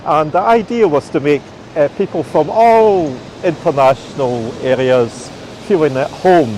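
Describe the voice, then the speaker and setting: A man's voice: mid-range voice, a little mellow, poor audio. Scottish man guiding outdoors, street noise behind. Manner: informal, halting explanations. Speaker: tour guide. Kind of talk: live walking tour commentary. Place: outdoors on a rainy city street.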